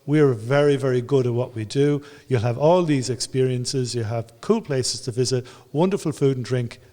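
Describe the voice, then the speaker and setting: A man's voice: medium pitch, moderate pace, mellow. Enthusiastic Irish man, echoey hall. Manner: storytelling, acts out quotes, enthusiastic. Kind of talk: panel discussion. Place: old brewery building, large room.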